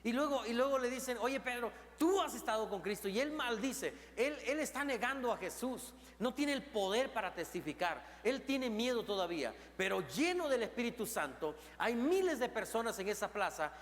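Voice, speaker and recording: A male pastor with a Mexican accent preaching a sermon in a church, rising to loud intensity and then dropping low and soft. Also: lively intonation, moderate pace, hardly any pauses. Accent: Mexican Spanish. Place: church sanctuary. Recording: long reverb of a church hall.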